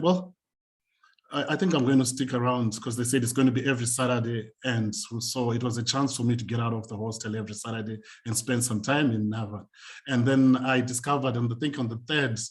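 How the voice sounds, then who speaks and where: A man from Zimbabwe, a community and youth work practitioner, speaking on a video call panel in a conversational, reflective storytelling manner. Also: medium pitch. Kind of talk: panel talk, personal story.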